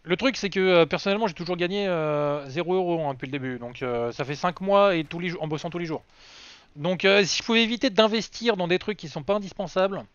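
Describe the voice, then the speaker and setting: A man's voice: high voice, fast, fairly bright tone, clear, resonant tone, no echo. A man chatting casually on a game live stream, rambling and self-mocking with lots of fillers. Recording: dry, slightly dull lo-fi sound.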